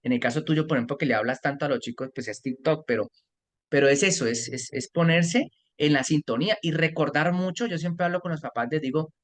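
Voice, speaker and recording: A man's voice: on the high side, a little fast. A man in his forties with a Colombian Spanish accent, talking casually on a podcast as a parenting mentor, telling stories with many restarts. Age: 40s. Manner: talkative, animated storytelling with restarts.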